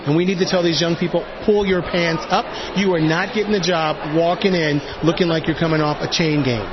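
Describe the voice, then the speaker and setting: A man's voice: fairly high pitch, steady tone, a little fast, lo-fi sound, noisy background. A man who founded a community project answers interview questions in an earnest, emphatic way.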